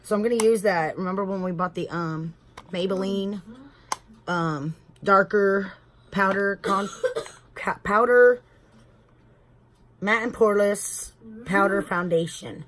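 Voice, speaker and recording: A woman's voice: medium pitch, slow pace, long pauses, fairly bright tone, a little hiss or hum. A woman in her thirties with a Texan accent, chatting casually at home through a makeup tutorial. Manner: chatty, rambling, addresses viewers as y'all. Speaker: beauty vlogger.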